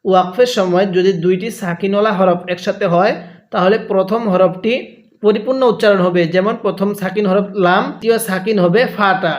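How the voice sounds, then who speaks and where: A man teaching Quran recitation step by step, chanting slow drawn-out lines for students to repeat, then explaining quickly. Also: sits high, steady tone.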